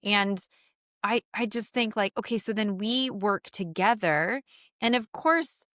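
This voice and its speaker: A woman's voice: medium pitch, a little slow, a bit bright, dry recording, studio quality. A woman co-hosting a casual podcast, talking earnestly and emphatically as a coach who works with clients. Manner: earnest, emphatic, shifts pace freely.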